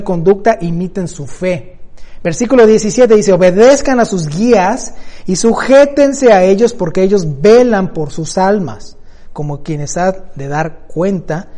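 High, mellow-voiced man preaching. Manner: explanatory, asks rhetorical questions. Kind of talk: bible teaching sermon.

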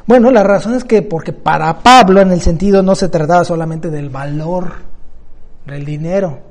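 A preacher man with a mellow, higher-pitched voice teaching from scripture. He explains word meanings step by step and checks in with his listeners through rhetorical questions. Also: normal speed. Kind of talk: bible teaching sermon.

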